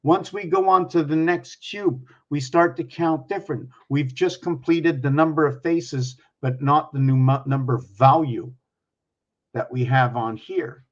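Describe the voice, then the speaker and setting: A numerology speaker in his sixties delivers a wandering explanatory monologue, doing sums out loud, pointing at objects, and posing questions to the viewer. His voice is on the high side and his pace measured, captured in a dull, lo-fi recording.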